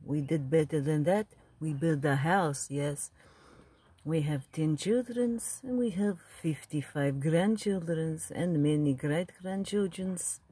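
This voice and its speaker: A woman's voice: low-pitched, slow, dark tone, no echo, heavily acted. A woman voicing an elderly immigrant grandfather who rambles bawdily in broken English. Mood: rambling. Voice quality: very husky. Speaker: comedy video character. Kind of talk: comic character monologue.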